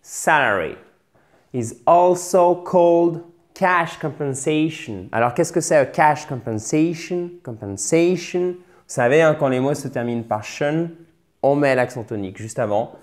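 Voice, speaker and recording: A man's voice: mid-range voice, moderate pace. A native French-speaking man teaching English vocabulary, explaining patiently and repeating words to drill their stress. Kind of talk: bilingual vocabulary lesson.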